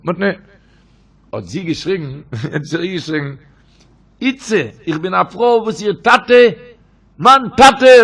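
A man with a high, gravelly voice gives a Torah sermon. He preaches in a sing-song chant and keeps rising into shouted passages. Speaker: rabbi. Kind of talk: Yiddish-flavoured Torah sermon.

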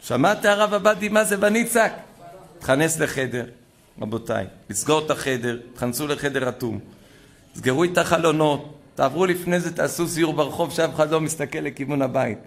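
A man preaching a sermon to a congregation, telling a story with animated swings between loud exclamations and hushed asides. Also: a little high. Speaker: rabbi preacher.

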